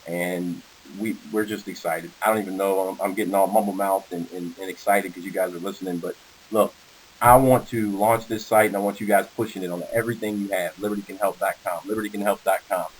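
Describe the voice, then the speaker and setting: An American man with a low, slightly rough voice speaks briskly and with fairly even intonation. He's presenting an informal sales pitch on a conference call, walking through slides, and the hissy call audio sounds rough.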